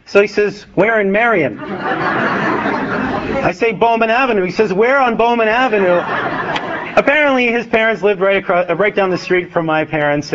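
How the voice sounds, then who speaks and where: An American man giving a relaxed talk as an author, with many fillers and acted-out dialogue. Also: a little high, lo-fi sound, slight background noise. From United States. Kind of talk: public talk with a joke. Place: event hall with a live audience.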